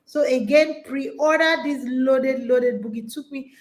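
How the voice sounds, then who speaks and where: This woman's high voice moves at a measured pace as she exhorts listeners in a motivational talk online. She is in her forties, hosts a conference, coaches women, and leans on repeated rallying phrases with real emphasis.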